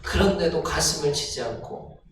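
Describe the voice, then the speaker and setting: A male pastor preaching a sermon, asking the congregation questions and rising to near-shouts. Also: on the high side, normal speed. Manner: talks straight to the congregation with questions. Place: church sanctuary. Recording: echoey church hall, distant mic, noisy.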